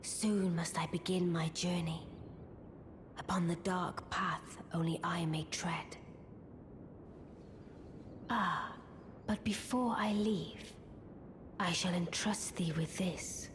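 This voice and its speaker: Casting: enigmatic fantasy game witch, whispery and imperious, lowish pitch, slow archaic delivery. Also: fairly even intonation, background noise. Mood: cool, grateful. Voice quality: breathy, whispery. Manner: hushed, stately, formal archaic speech. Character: haughty, enigmatic young witch inhabiting a small doll. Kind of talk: archaic, theatrical video game dialogue.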